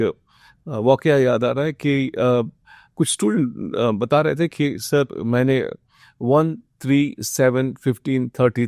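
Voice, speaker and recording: An Indian man teaching exam students, mixing English phrases into Hindi with frequent filler pauses. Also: medium pitch, a little mellow, dry recording, clean studio sound. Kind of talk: motivational study lecture.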